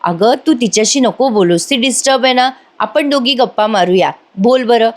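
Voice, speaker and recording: Gentle elder sister, as a woman narrator reads her: soft, reassuring, a bit high. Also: normal speed, lightly acted. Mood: soothing.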